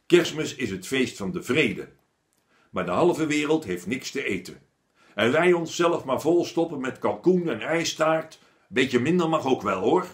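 A man's voice: mid-range voice, measured pace, pitched above the performer's own voice, lightly acted. A man playing a bearded, kindly teacher. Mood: friendly. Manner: lively, friendly teacherly voice that turns stern. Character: kind, patient male schoolteacher with a little beard.

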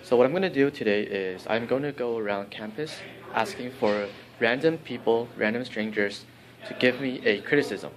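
Holding a phone at arm's length in a campus hallway, a young adult man vlogs earnestly to the camera in casual narration. He speaks at normal speed in a mid-range voice, and the phone recording is noisy.

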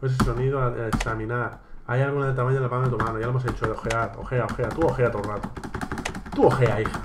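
A man's voice: mid-range voice, little pitch movement, rapid-fire, very noisy. Echoey cursing Spanish man playing a game. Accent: Spain Spanish. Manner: reads game text aloud, curses at the game. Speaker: let's play gamer. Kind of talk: gameplay commentary. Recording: echoey room with game music.

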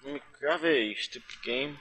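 A man playing an online game with a friend, loud and excitable, teasing and shouting callouts. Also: medium pitch, normal speed, a little hiss or hum, rough recording. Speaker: teammate. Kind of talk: casual gameplay chat.

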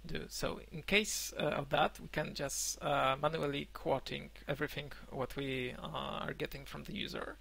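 A young man whose first language is Polish gives an online conference talk from a room at home, pausing often with fillers and restarts over a webcam microphone. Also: a little high, steady tone, vocal fry, pushed and bright, breathy edge. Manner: halting, many fillers and restarts. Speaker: conference speaker. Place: indoor room, remote talk.

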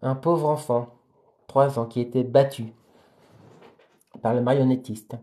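Mellow-voiced man reading a novel aloud. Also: mid-range voice, fairly even intonation, measured pace. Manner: reads steadily, then sums up in plain hesitant talk. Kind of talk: live reading aloud with chatty asides to viewers.

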